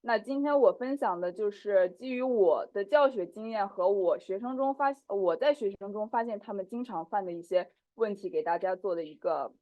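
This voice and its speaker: A woman teacher giving a conference talk, explaining at a steady pace with small fillers. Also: mid-range voice. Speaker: conference speaker, Chinese teacher. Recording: dull lo-fi audio.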